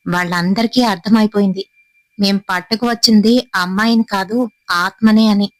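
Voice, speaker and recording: A woman narrating a horror story in a dramatic, unhurried storytelling manner. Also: mid-range voice, fairly even intonation, dry recording, rough recording.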